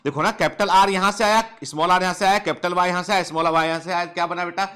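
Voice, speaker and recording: A man's voice: sits high, fairly even intonation, fast, fairly bright tone, clean tone. A man teaching biology in an online lecture, drilling his students with repeated questions and playful scolding. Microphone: touchscreen device close up.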